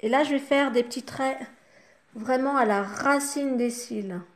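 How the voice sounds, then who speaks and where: A woman talks through a makeup tutorial. Her chat is relaxed and familiar, dotted with small filler words as she works. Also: sits high, a little slow. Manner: chatty, talks the viewer through each step with fillers like "hop" and "voilà". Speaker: makeup vlogger.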